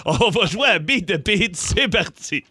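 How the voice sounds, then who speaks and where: Casting note: high-pitched, bright Quebec French radio host, playful and laughing, dry studio sound. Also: male voice, expressive, a little slow, slightly rough, no echo. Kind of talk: comedic radio quiz banter.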